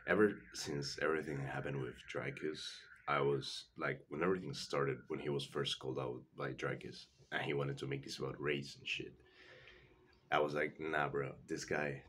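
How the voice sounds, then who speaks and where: A man with an extremely deep voice gives a heated, profane, rambling rant. He vents casually as a sports vlogger, with a faint ambient hum behind him. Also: a bit bright.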